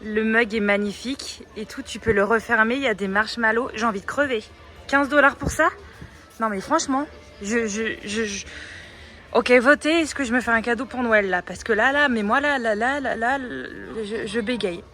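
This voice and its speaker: A woman's voice: on the high side, moderate pace, a bit bright, faint music behind. A young woman vlogging casually about her week, chatty and self-mocking, on a clip-on mic. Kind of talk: casual vlog chat. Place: outdoors on a farm and at home. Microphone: wireless clip-on mic. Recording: wind and outdoor noise.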